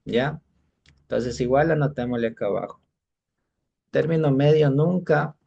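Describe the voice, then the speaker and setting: A man teaches an exam-prep lesson at a middling pitch, explaining step by step. He keeps pausing with short questions to make sure the class is following. The recording is dull and muffled. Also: gravelly, dark tone, a little hiss or hum.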